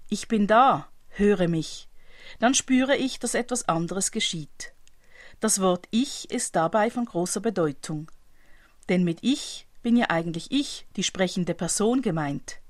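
A woman preaching, giving a calm, measured, explanatory reflection in a scripted style. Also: medium pitch, dry recording, clean studio sound.

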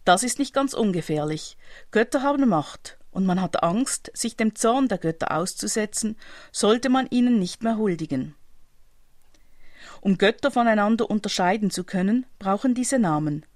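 Woman preaching slow and steady, explains things calmly, dry close sound. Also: medium pitch, no room sound. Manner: calm, measured, explanatory. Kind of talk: scripted religious reflection.

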